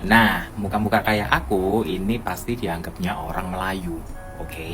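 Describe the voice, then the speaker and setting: A man's voice: low voice, a little slow. Chatty Balinese man over background music. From Bali, Indonesia. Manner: chatty, animated retelling with asides. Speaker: vlogger living abroad. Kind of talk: casual storytelling.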